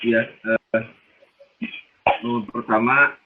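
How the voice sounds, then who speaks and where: A man answering slowly and hesitantly as a student in an online class. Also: mid-range voice, flat delivery. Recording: tinny call line with background noise.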